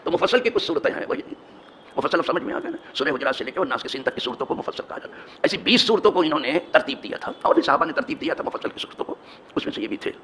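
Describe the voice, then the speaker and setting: Very animated and a bit bright, this man's voice runs on the high side as he teaches hadith as a mosque imam with an Indian Urdu accent. Slight background noise accompanies his story, which features asides to listeners and mounting emphatic repetition.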